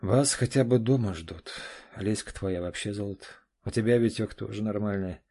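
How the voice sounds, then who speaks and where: A man voicing a tired, tipsy middle-aged man with a gruff, confessional way of talking. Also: on the low side, moderate pace, mellow. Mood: gruff, weary. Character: weary drunk man, middle-aged, lovesick.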